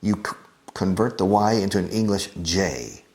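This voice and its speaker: A man teaching a beginner English lesson, drilling pronunciation by repeating words slowly. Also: sits low, a little mellow. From United States.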